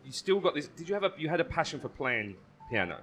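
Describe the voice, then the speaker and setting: A man's voice: on the high side, sing-song, fast, a bit bright, faint music behind. A man from Essex with an Estuary English accent, interviewing in a casual, teasing, blokey way with colloquial turns of phrase. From Essex, England.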